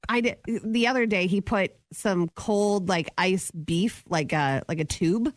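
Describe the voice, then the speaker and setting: A woman's voice: mid-range voice, unhurried, dry recording. Chatty radio woman, dry close mic. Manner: exasperated, chatty, with filler "like". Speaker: radio co-host. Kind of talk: casual morning show banter.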